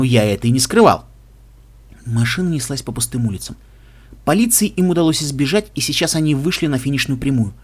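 A man narrating an audiobook in a steady, even storytelling manner. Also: mid-range voice.

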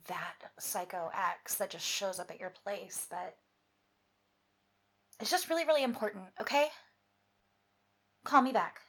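A woman leaves a voicemail, speaking slowly and hesitantly. Her voice sits at a middle pitch, and she pleads and sighs as she asks to be called back. She stumbles over her words and starts again. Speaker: ex-girlfriend character. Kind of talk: leaving a voicemail in an audio roleplay.

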